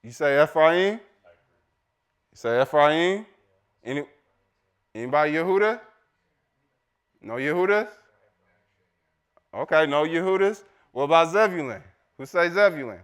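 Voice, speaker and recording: A man's voice: fairly high pitch, lively intonation, fairly bright tone, smooth. A man teaching a casual Bible study, quizzing the group and reading scripture aloud. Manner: chatty, quizzes the group, Southern-style "y'all"; reads scripture aloud slowly.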